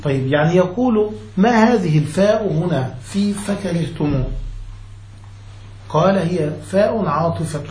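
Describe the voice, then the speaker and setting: A man's voice: high voice, animated, moderate pace, darkish tone, reverberant, slight background noise, rough recording. A man, a sheikh, teaching a classical Arabic grammar lesson, explaining step by step and often checking that his students follow.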